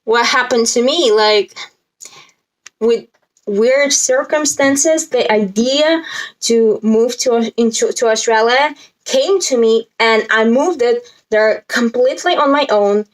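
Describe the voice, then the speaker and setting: A young woman with a Latvian accent speaks slowly in a higher-pitched voice. She's a spiritual self-help vlogger talking casually to camera and explaining a list, and the audio quality is poor.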